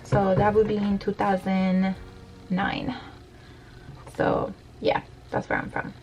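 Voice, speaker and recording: A chatty beauty blogger in her thirties, talking casually through her makeup with plenty of ums and trailing thoughts. Her voice is of middling pitch for a woman. She is recorded at home in her bedroom by a camera on the desk, with faint music underneath. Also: completely flat delivery, slow, darkish tone, lo-fi sound. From Iran. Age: 30s. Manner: chatty, candid, trailing fillers while doing makeup. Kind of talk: get-ready-with-me Q&A chat. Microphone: camera at desk distance.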